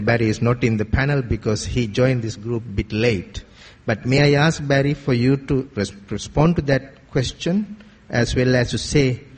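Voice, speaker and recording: A man moderating a conference panel, introducing a speaker in a polite, halting way. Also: mid-range voice, darkish tone, husky.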